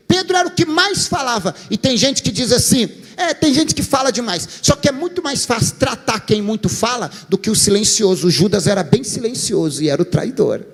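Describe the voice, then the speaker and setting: High-voiced Brazilian pastor preaching. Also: male voice, long reverb tail. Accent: Brazilian Portuguese. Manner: lively, colloquial storytelling preacher, addresses the congregation. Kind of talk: sermon.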